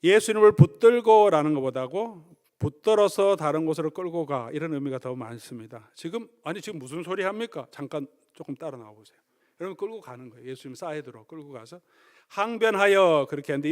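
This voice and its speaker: A man's voice: fairly high pitch, fairly quick. A male pastor preaching a sermon, explaining word meanings and acting out scenes with animation. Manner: animated storytelling, acts out scenes.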